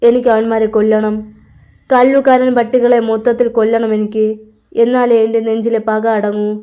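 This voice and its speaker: A drunk young man, torn apart by grief and swearing revenge, as a woman reads him in a story. The voice is smooth and clear. The recording sounds a little dull. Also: a little high, level tone, moderate pace, natural voice. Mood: raging grief. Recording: slightly dull lo-fi audio.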